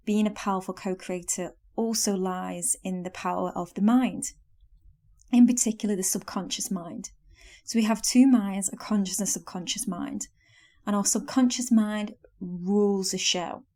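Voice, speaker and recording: Young female podcast host, warm dark timbre, earnest coaching delivery. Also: medium pitch, fairly even intonation, a little slow. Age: young adult. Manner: earnest, coaching tone with soft self-help phrasing. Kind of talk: scripted solo podcast talk.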